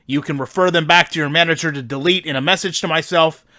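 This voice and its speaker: A man playing a smug game executive hosting a staff conference call in a parody, speaking with earnest, measured, emphatic corporate politeness. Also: on the high side, steady tone, bright, forceful tone. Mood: politely condescending.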